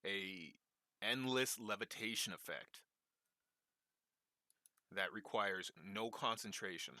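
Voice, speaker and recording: A man running a tabletop game over an online call, explaining item rules haltingly while his audio cuts out and breaks up. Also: lowish voice, bright, forceful tone, no echo, clean studio sound. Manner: halting, restarting words with fillers. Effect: online call audio cutting out and breaking up. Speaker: game master.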